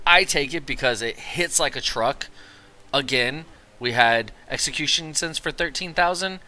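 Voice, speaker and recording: Excited, rambling young man with a bright voice. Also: a little high. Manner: excited, rambling, quick asides. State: tired after work. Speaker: gaming video creator. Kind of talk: casual game guide commentary.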